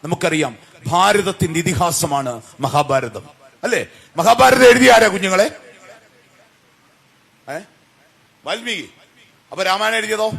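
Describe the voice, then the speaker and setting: A male preacher giving a sermon, firing questions at the congregation and swinging from loud calls to soft, low answers. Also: unhurried, creaky, long pauses, breathy edge. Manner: call-and-response questions to the congregation.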